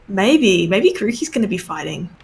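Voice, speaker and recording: A woman co-hosting a casual podcast chat, frank and quick to laugh. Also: medium pitch, sing-song, gravelly, a little mellow. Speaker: podcast co-host.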